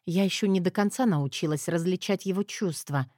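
A woman reading an audiobook in a steady first-person narration. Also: fairly low pitch, fairly quick, dry recording, studio quality. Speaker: audiobook reader.

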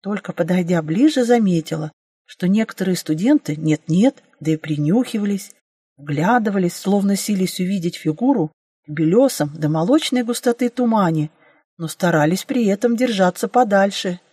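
A woman narrating a first-person fantasy audiobook in a lively, wry storytelling manner. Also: mid-range voice, normal speed, slightly rough, no echo, studio quality.

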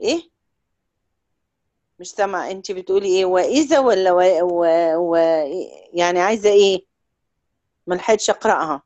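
A woman with an Egyptian Arabic accent teaching Quran recitation one-on-one, stretching example words out slowly and checking in often with short questions. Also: on the low side, a little mellow, muffled recording. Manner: drawls out example words slowly to demonstrate sounds. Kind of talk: one-on-one tajweed lesson.

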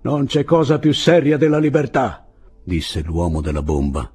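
A man's voice: mid-range voice, big pitch swings, moderate pace, a little mellow, husky, voice pushed up. A man voicing a fervent anarchist militiaman with a grenade, speaking with a challenging tone, in an audiobook reading.

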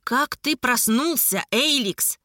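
A woman's voice: high-pitched, animated, slow pace, pushed and bright, no echo, clean studio sound, full character voice. Woman doing a sneering red-haired dandy sorcerer. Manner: sneering, through gritted teeth. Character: flamboyant, unflappable red-haired male sorcerer.

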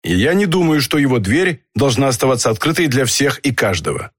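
A man reading an audiobook, voicing a stern, measured police inspector. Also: medium pitch, very animated, slightly rough, dry recording, clean studio sound. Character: middle-aged male police inspector, stern.

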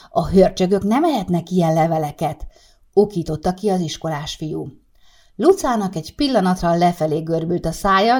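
A woman reading a short story aloud in a calm storytelling voice as an audiobook narrator. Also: on the low side. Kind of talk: scripted narration.

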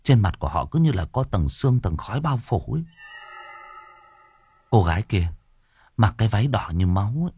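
A man's voice: fairly low pitch, very animated, moderate pace, long pauses, darkish tone, a little hiss or hum. A man voicing a shaken, choked-up young man. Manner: choked, earnest storytelling.

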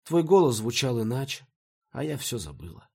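A man's voice: medium pitch, very animated, normal speed, a little mellow, husky, pitched above the performer's own voice. A man reading an audiobook, voicing an anxious, pleading young woman in a dream with urgent, emotional delivery. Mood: tearful. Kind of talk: audiobook character voice.

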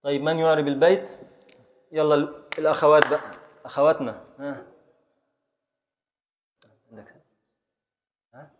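A man's voice: fairly high pitch, little pitch movement, normal speed, long pauses. Brief: Egyptian Arabic male scholar, raised voice, drilling students on poetic meter in class. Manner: quizzing students, scanning verse syllable by syllable. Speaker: Islamic scholar teaching Arabic grammar and prosody. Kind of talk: classroom lesson.

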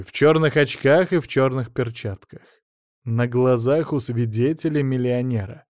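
A man voicing a calm, ironic police detective, polite and dry in an audiobook. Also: medium pitch, dry recording, close to an everyday voice. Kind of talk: audiobook character voice.

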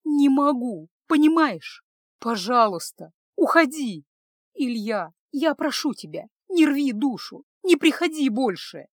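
A woman's voice: a little high, lively intonation, a little slow, no room sound, studio quality. A woman playing a tearful, hurt young woman. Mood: distraught. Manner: tearful, shaky, between whisper and cry.

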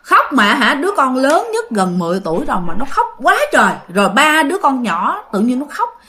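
Southern Vietnamese woman, ghost-story narrator, highish voice with a swinging melody, chatty and direct. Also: very animated, brisk, sharp tone. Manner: chatty, addresses listeners directly, many fillers. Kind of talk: casual spoken storytelling.

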